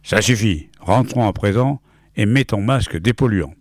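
A man's voice: fairly low pitch, animated, moderate pace, no room sound, clean studio sound. A man doing a weary, curt father. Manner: glum and clipped.

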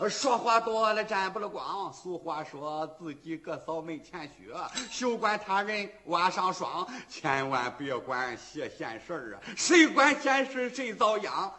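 A man voicing a fretful, frightened old man in his sixties who talks low and hushed. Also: very animated, unhurried, few pauses, faint music behind, full character voice. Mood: warning.

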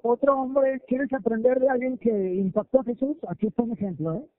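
A male pastor, preaching a lively sermon, acting out quoted voices and asking listeners questions. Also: very high-pitched, brisk, no room sound. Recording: tinny phone-like, dry sound.

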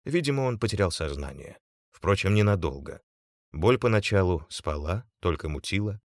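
A man reading an audiobook aloud in measured, even storytelling. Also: low voice, no echo, studio quality. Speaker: audiobook narrator. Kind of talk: scripted audiobook narration.

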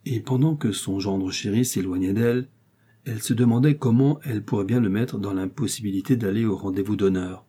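A man reading a comic classic short story aloud in a measured, lively storytelling manner. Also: on the low side, husky. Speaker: audiobook reader.

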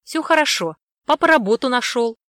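A woman reading aloud and voicing a caring, worried middle-aged mother who talks loud and bright. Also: medium pitch, animated, normal speed, dry recording, clean studio sound. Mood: fussing, caring.

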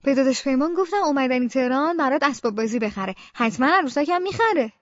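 A woman's voice: sits high, animated, a bit bright, dry recording. A woman doing a weary scolding mother. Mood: soothing. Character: tired weary mother scolding her young daughter. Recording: slightly muffled dry recording.

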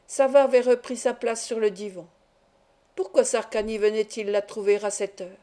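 Reading a classic adventure novel aloud from a script, this audiobook narrator has a slightly high, mellow voice. She lifts it whenever the characters argue.

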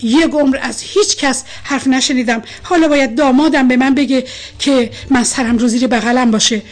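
Woman doing a yelling strict colonel dad, storybook, kinda high and husky. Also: fairly even intonation. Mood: angry. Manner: shouting, scolding. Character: angry stern older colonel father, male.

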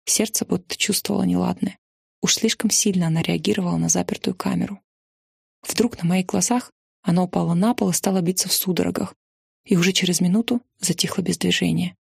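A woman reading a first-person memoir in a steady, earnest way. Her voice is gravelly and husky, set a little low. The sound is dry and close, with no room echo. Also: a little fast. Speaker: narrator.

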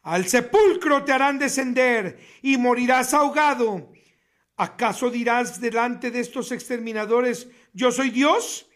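A man preaching a sermon on the radio, reading scripture in a slow, emphatic, declamatory way. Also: very high voice, a bit bright. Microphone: radio studio mic.

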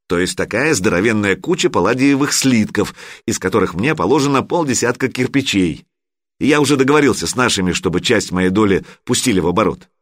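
A man reading an audiobook who voices a playful, cocky young man, speaking in a lively, teasing way. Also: lowish voice, fairly quick, no room sound, clean studio sound. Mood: excited. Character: cocky young male gamer, playful and easygoing.

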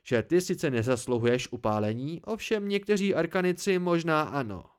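A man's voice: a little high, expressive, clean tone, lightly acted. A man reading an audiobook, voicing an irritable, blunt male student friend who scolds. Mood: irritated.

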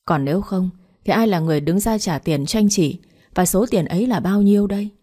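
A woman storyteller reading an audiobook story in a steady, earnest way. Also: mid-range voice, fairly quick, breathy edge.

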